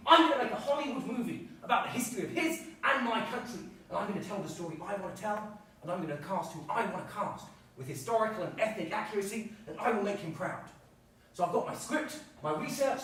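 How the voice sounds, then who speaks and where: A man's voice: high-pitched, fairly bright tone, slight background noise. A man performing a live solo comedy show, telling his story in a mock-earnest way. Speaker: stand-up performer. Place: theatre stage. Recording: echoey stage, far-off mic.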